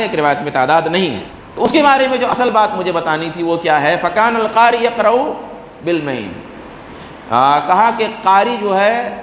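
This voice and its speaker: A man delivers a mosque lesson in a fairly high voice, reciting Arabic lines and then explaining them. His voice rings around a large, echoey hall with a long tail of reverb. A faint hum sits underneath. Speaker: mosque preacher. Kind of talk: sermon.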